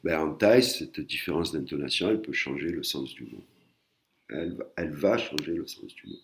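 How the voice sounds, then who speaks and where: A man's voice: very deep voice, animated, normal speed, vocal fry, slight background noise. A man teaching a language lesson, patient and explanatory, often repeating and rephrasing himself. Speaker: Thai teacher.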